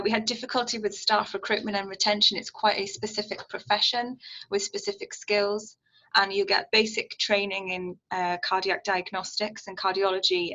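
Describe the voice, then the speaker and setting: A woman's voice: medium pitch, sharp tone, lo-fi sound. A woman giving an upbeat, conversational webinar talk about a hospital cardiac device service, heard through video-call audio captured in a screen recording. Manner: fluent, upbeat, conversational explaining. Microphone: computer mic on a video call.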